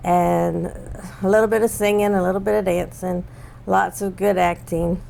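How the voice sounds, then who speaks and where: A middle-aged woman co-hosts a casual chat about a play. Her voice has a gravelly fry, and she laughs easily and trips over hard names as she reads. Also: lowish voice, little pitch movement, moderate pace, slight background noise. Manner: giggly, warm, stumbles over names. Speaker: theater review co-host.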